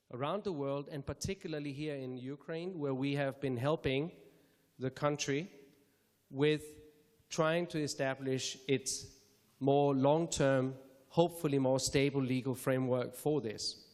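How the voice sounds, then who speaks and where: A man from Denmark opens a public lecture, speaking at an ordinary middle pitch. He phrases things in a measured, careful way and now and then corrects himself. His voice carries a long reverb from the lecture hall around him. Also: a little mellow. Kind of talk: formal opening remarks at a lecture.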